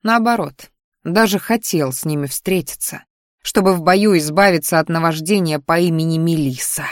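A woman reading a novel aloud as an audiobook narrator, in steady first-person narration. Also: sits low, normal speed, no echo, studio quality.

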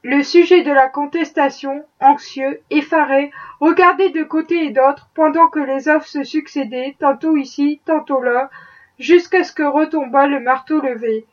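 A woman narrating a classic novel as an audiobook in a steady, measured reading. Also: high voice, lo-fi sound. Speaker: audiobook reader.

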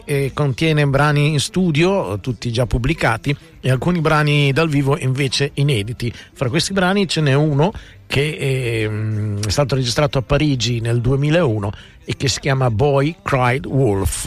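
A man's voice: medium pitch, unhurried. A man hosting a radio music show, speaking casually with frequent hesitations and self-corrections. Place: radio studio.

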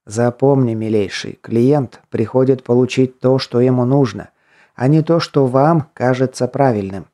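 A man's voice: medium pitch, unhurried, mellow, close to an everyday voice. A man voicing a stern nobleman and former detective who gives curt, commanding orders in an audiobook.

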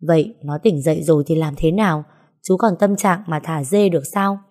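Devoted young woman played by a female narrator, pleading, coaxing, low, mellow voice, audio story. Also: brisk.

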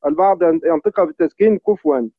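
A man with an Egyptian accent asks a question quickly, at a higher pitch, politely restating his point. His voice comes through a tinny, dry, phone-like call line. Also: no echo. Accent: Egyptian Arabic. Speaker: student asking a question.

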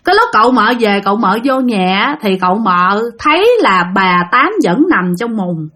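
A woman's voice: mid-range voice, expressive, moderate pace, sharp tone. A woman telling a ghost story in a casual, chatty way, often speaking straight to her listeners. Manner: chatty, addresses listeners directly.

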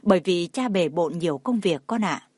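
A woman's voice: on the low side, expressive, moderate pace, a little mellow, slightly rough, no room sound. Woman reading a cool, curt father.

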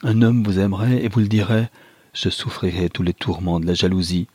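A man's voice: low voice, brisk, darkish tone, slightly rough, no room sound. A man voicing a passionate young lover, speaking vehemently in an audiobook reading. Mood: disgusted.

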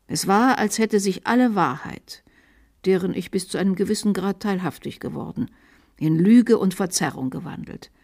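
A woman's voice: medium pitch, darkish tone, close to an everyday voice. Woman voicing a stern zealous old-time priest. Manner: grave, insistent, warning.

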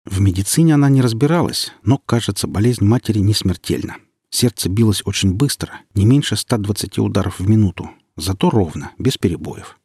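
Low-voiced guy reading an audiobook, really animated delivery, bit husky. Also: a little fast, no room sound, clean studio sound. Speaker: audiobook narrator. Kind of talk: audiobook narration.

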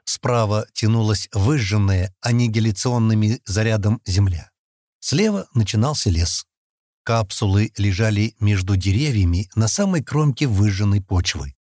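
A man narrating a science fiction audiobook in an expressive storytelling manner. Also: fairly low pitch, no room sound, studio quality. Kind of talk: scripted narration.

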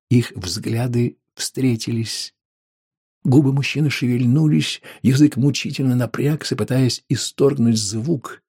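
A man narrating an audiobook in a measured, grave way. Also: fairly low pitch, darkish tone, slightly rough.

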